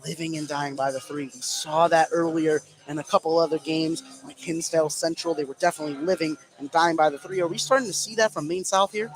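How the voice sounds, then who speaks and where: A man with a slightly high, steady voice gives brisk live basketball play-by-play with few pauses, as on sports radio. The recording is rough, carrying faint music along with clear gym ambience and game noise.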